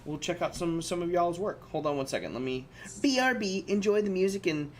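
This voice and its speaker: A man's voice: high-pitched, expressive, a little fast, crowd noise. A man hosting a casual live stream, rambling with many fillers and restarts. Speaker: streamer host.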